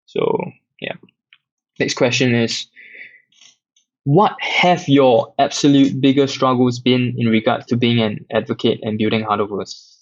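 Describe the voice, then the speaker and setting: Hosting a relaxed late-night livestream Q&A for an app community, a young Singaporean man reads questions aloud and answers at an unhurried pace with lots of filler words. His pitch is medium, and the recording is dull, dry and lo-fi.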